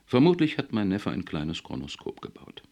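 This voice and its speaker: A spirited older male writer, read by a man who holds his ground. The voice is deep and rough-edged, with a lively rise and fall. It is an audiobook character read aloud. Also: normal speed, full character voice. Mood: jaunty. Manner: jaunty, then indignant. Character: cheerful, stubborn older male science writer.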